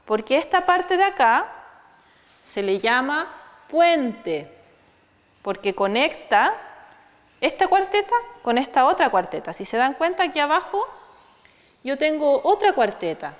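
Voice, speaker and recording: Chilean woman, teacher explaining verse to kids, higher voice, long hall reverb. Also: very animated, unhurried, pauses often. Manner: didactic, asks pupils questions. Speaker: folk music teacher. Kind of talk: online children's lesson on poetic verse.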